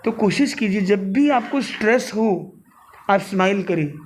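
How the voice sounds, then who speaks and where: A man with a strikingly high voice addresses a seated audience in a live talk. He is playful and laughs often, teasing listeners and dropping English lines into his Hindi. Faint room ambience sits under his voice. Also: expressive, unhurried, a little hiss or hum. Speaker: spiritual speaker addressing an audience.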